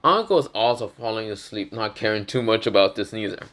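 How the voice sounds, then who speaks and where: A man's voice: fairly low pitch, a little fast, fairly bright tone. Rambling man telling fan fiction. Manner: rambling, many fillers and restarts. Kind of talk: improvised casual story narration.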